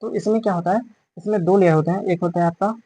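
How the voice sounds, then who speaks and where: A man's voice: sits high, steady tone, fast talker, warm tone, no room sound, poor audio. A man teaching biology in a classroom-style lecture, repeating and correcting terms as he explains and mixing English words into his talk. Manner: mixes English terms into Hindi.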